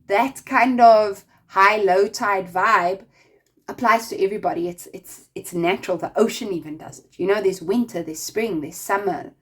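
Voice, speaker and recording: Chatty woman giving a gentle tarot reading. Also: mid-range voice, moderate pace. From not American. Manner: chatty and rambling, full of "like" and "right?"; encouraging, speaks straight to the listener. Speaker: tarot reader. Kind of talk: casual spiritual tarot reading to viewers.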